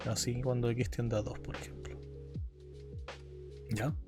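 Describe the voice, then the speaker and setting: A man's voice: mid-range voice, level tone, a little slow, music in the background. A man teaching a university calculus class, explaining step by step and often checking in with his students. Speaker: university math lecturer. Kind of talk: live calculus lecture.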